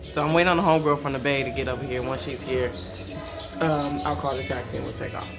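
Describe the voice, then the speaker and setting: A woman's voice: very deep voice, fairly even intonation, quick pace, music in the background. A woman in her thirties with an American accent, chatting casually and slangily to her vlog viewers. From Los Angeles, USA. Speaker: vlogger.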